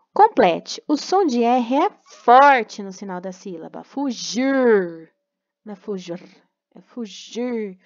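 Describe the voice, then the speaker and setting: A woman's voice: fairly high pitch, dull audio. A woman from Brazil teaching a remote class, patiently explaining step by step and checking in with tag questions.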